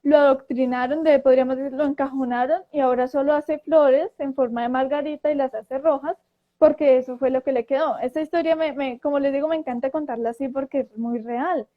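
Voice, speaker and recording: A woman telling a story in casual talk, animated and acting out quoted voices, with frequent restarts. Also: high-pitched, fairly quick. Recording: dull lo-fi audio.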